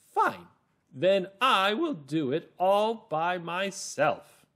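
A man voicing a determined, hard-working female hen from a storybook, with emphatic, carefully drawn-out words. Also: high-pitched, big pitch swings, pushed and bright, voice pushed up, exaggerated voice. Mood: huffy, determined.

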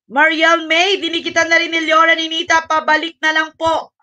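Breathless and talkative, this female streamer thanks her audience during a relaxed livestream, blending English into Tagalog. She sounds very high-pitched and sharp, with a completely flat delivery at a moderate pace, picked up from afar.

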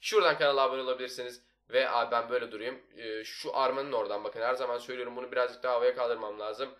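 A man's voice: medium pitch, level tone, racing, fairly bright tone. A young man giving casual, nonstop gameplay commentary as a video host. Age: young adult. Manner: chatty, talks nonstop. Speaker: YouTuber, gaming video host. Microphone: desktop microphone.

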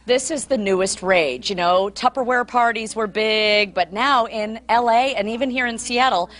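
A woman reporting a TV segment, joking and asking quick questions. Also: a little high, fairly bright tone.

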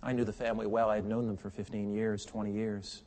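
Older male pastor, sermon delivery, loud emphatic peaks and hushed storytelling, long reverb off a big hall. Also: on the low side, little pitch movement, quick pace. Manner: impassioned preaching that swings from loud emphatic peaks to quiet storytelling.

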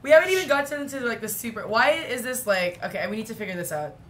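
A woman's voice: fairly high pitch, expressive, fast talker, fairly bright tone. A young woman co-hosting a game playthrough, chatting casually with many fillers and frequent giggles. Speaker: let's play co-host. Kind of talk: casual gaming chat.

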